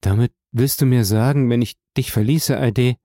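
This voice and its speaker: A man reading aloud plays a grave older nobleman who speaks in a solemn, measured way. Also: mid-range voice, mellow, no echo, studio quality, natural voice.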